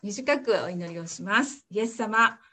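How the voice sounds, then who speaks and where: A woman reading a Bible passage aloud in church, steady and careful, then praying. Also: mid-range voice, unhurried. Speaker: scripture reader.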